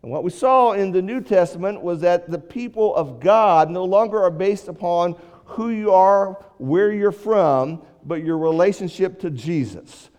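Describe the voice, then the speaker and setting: Preacher in a reverberant hall. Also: male voice, high voice, animated, unhurried, hardly any pauses, darkish tone, clean tone. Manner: conversational, repeats and restarts phrases. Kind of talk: sermon lesson to a congregation. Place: church auditorium.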